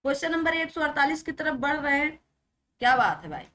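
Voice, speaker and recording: A young woman teacher running an exam-prep grammar lesson, briskly drilling and repeating words and asking rhetorical questions. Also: high voice, sing-song, bright, forceful tone.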